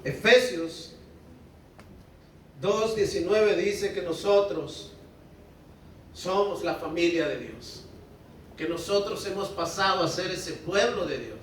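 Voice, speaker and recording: A man's voice: high-pitched, slow, pauses often, heavy reverb, distant mic, slight background noise, low-quality recording. A male pastor preaching a sermon in a conversational way, often asking the congregation to respond. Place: church hall.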